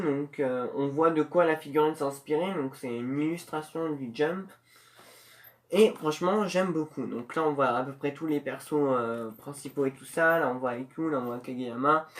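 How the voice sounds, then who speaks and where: Chatty, slangy unboxing host. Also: mid-range voice. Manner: slangy and chatty, with many hesitations; excitable when opening the package. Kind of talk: casual unboxing commentary.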